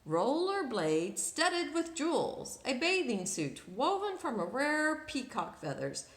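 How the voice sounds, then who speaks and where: This children's read-aloud host brings a picture book to life expressively, stretching words and quizzing the kids listening. She has a high voice with wildly swooping pitch and a slow pace, recorded in an echoey room.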